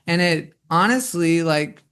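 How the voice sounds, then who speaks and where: A man's voice: a little high, fairly bright tone, smooth. A man in his twenties speaking reflectively in a personal monologue, rambling with many restarts and filler words. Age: 20s. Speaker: host.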